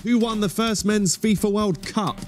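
British game show prize announcer, higher-pitched male. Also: moderate pace, faint music behind. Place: studio stage with music behind.

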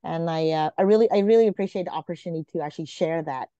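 Through a webcam on a video call from her home room comes a low-pitched, very fast, dark-toned voice, recorded dry and sounding dull and lo-fi. The speaker, a Malaysian woman in her forties, is a guest in a casual interview, speaking earnestly amid frequent fillers and restarts.

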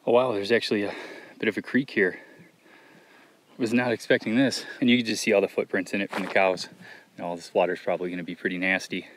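A man's voice: on the low side, level tone, fast, dry recording. A man walking a long desert trail and talking to his camera in an easygoing, rambling, reflective way, with plenty of "uh" and "like". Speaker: solo thru-hiker filming his trip. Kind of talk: casual vlog narration. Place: outdoors in open desert.

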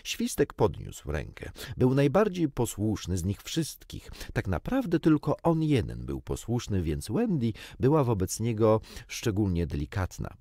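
A man reading a children's book aloud in an expressive, playful manner. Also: on the low side, measured pace, few pauses, no room sound, clean studio sound. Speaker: audiobook narrator. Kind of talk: storybook narration.

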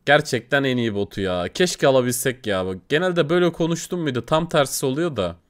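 A young man giving casual gaming commentary to his viewers, excitable and swearing when things go wrong. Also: medium pitch, fairly quick. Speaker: gaming video host.

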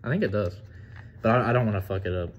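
An eighteen-year-old man from the United States chatting casually on a vlog, excitable, profane and rambling. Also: lowish voice, quick pace, background noise. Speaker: vlogger.

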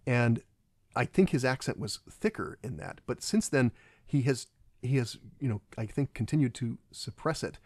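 In clean studio audio with no room sound, a man with a medium-pitched, slightly mellow voice gives a casual film commentary. He rambles and halts, stopping and restarting his sentences again and again.

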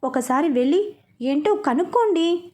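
A woman's voice: extremely high pitch, animated, measured pace, mellow. A woman voicing a playful young wife who teases her husband in coy, loving talk. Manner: teasing, coy.

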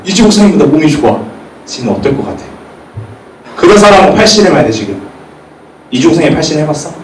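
A man, a youth pastor, giving a chatty sermon to teenagers and often asking them questions. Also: fairly high pitch. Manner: lively, chatty, asks the room questions. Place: church room. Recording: echoey room, mic at a distance, faint noise.

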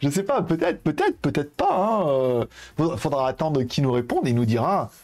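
Lively chatty male streamer. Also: a little high, moderate pace, slight background noise. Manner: chatty, rambling, informal with many fillers; addresses viewers directly. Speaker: streamer hosting a giveaway. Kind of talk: casual live-stream chat.

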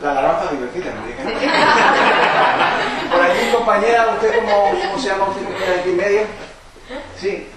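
Un hombre, trabajador social, que dirige un taller en una sala universitaria, hace preguntas al público y se ríe a menudo. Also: male voice, high voice, normal speed. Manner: lively, questions the audience, laughs often. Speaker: social worker leading a workshop talk. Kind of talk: interactive workshop talk. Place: university library meeting room. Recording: echoey room, distant mic, background noise.

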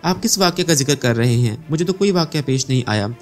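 A man's voice: fairly high pitch, expressive, quick pace, faint music behind, lightly acted. A man voicing an innocent, feverish young maidservant who pleads naively in a storybook reading. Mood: bewildered.

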